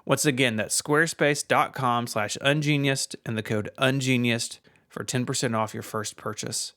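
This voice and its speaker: Brief: male podcast co-host, easy laughing banter, mid pitch, dry close mic. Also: normal speed, no echo. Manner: laughs often, relaxed banter. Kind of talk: casual podcast chat and ad read.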